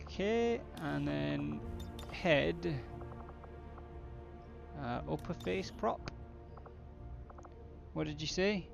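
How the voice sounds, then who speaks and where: A man's voice: a little high, drawn-out words, gravelly, long pauses, music in the background. A British man doing casual, blokey, sweary game commentary as a streamer chatting with viewers. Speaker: gaming streamer.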